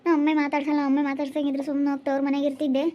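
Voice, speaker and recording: Woman, high voice, talks quick and complaining. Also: completely flat delivery. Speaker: young wife in a family drama. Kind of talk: home-made village drama acting. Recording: dull lo-fi sound.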